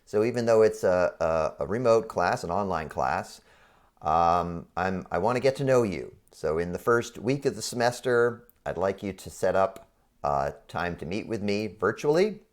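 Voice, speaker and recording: Guy professor walking students thru a screen, kinda low voice, sick w a frog in his throat, bit halting. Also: expressive. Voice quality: froggy, congested throat. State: under the weather with a frog in the throat. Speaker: college professor. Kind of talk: explanatory screen-share walkthrough for online students.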